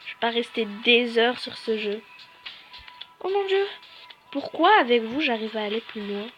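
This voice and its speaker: A young woman with a high, bright voice talks through a video game for her channel, chatty and playful and quick to poke fun at herself. Soft game music runs faintly underneath her voice. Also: animated. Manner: chatty, self-mocking, playful. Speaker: gaming YouTuber. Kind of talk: casual gameplay commentary.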